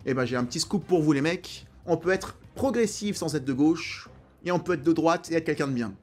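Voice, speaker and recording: A man's voice: on the high side, fairly quick, soft background music. A man hosting an enthusiastic, chatty, opinionated film commentary. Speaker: film video host.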